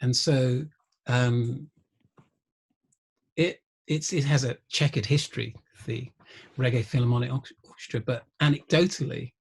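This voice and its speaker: A middle-aged man, a guest musician and researcher, telling wry anecdotes in an interview, often pausing with ums. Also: mid-range voice, fairly even intonation, slightly rough. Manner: anecdotal, wry, laughs through stories, frequent ums. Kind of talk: conversational interview storytelling.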